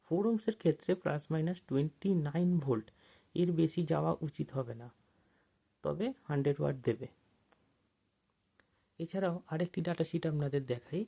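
An instructor walks through an informal technical tutorial one step at a time, pausing between explanations. Their medium-pitched voice is warm, gravelly and husky.

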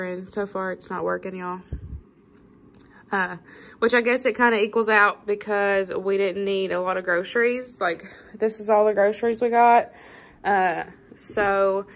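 Woman, Southern US accent, casual to-camera chat, says y'all, gravelly edge, faint background hiss. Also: mid-range voice, poor audio. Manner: chatty, says y'all often. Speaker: vlogger showing a grocery haul. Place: home kitchen, at a table.

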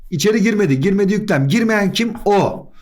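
A man teaching an exam-prep grammar lesson. He quizzes himself in quick question-and-answer steps and drops playful asides. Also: high voice, expressive, a little mellow.

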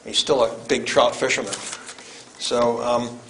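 An older man giving an informal introduction as event host, in a halting, rambling way. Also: medium pitch, flat delivery, a bit bright. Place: lecture room, standing away from camera. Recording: echoey room with background noise.

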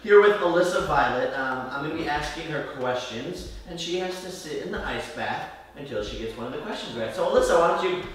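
A man's voice: fairly high pitch, animated, a little fast, few pauses, slight background noise. A young man hosting a casual challenge video, quizzing and teasing playfully, recorded in an echoey room from a distance with music behind. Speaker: host.

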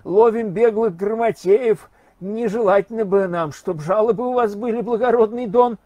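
A man's voice: high voice, no room sound, dull audio, voice pushed up, lightly acted. A man voicing a fawning, flustered brutish soldier who drawls stumbling apologies. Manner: slow, wheedling, stumbling apologies.

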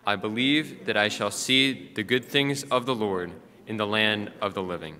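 A young man leads a psalm with measured, careful delivery. His voice is fairly low and crisp-edged, with a long hall reverb after each phrase. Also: pushed and bright. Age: young adult. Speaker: student lector leading responsorial psalm. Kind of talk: liturgical psalm reading. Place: stage of a school auditorium. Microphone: podium gooseneck microphone.

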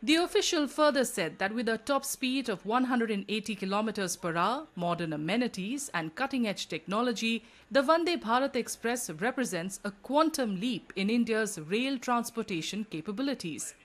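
A woman narrating a news report as a scripted voice-over, reading in an even, formal way. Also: on the high side, normal speed, hardly any pauses.

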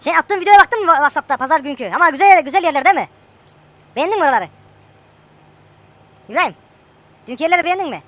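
A woman's voice: sits high, lively intonation, fast, long pauses, a bit bright, no room sound. A woman chatting casually and joking with a friend while playing a farming game. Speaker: gameplay streamer.

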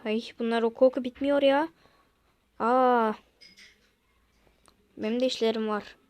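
Woman, comedy sketch, tired worker, dramatic whiny complaints, higher pitch. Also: fairly even intonation, unhurried, a little mellow. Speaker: vlogger acting out an office skit.

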